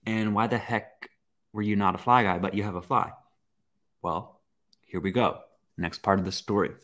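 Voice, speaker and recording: A young man hosting a podcast, telling a personal story in a casual, animated way, with swearing and acted-out reactions. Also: fairly low pitch, moderate pace. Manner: animated, swearing, acts out his own reactions. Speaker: podcast host.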